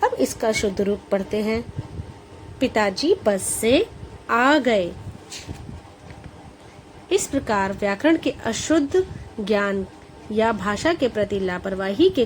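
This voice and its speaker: A woman's voice: medium pitch, a little hiss or hum, low-quality recording. A woman reading a scripted grammar lesson, saying each word carefully and repeating it. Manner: slow, even, careful pronunciation drills.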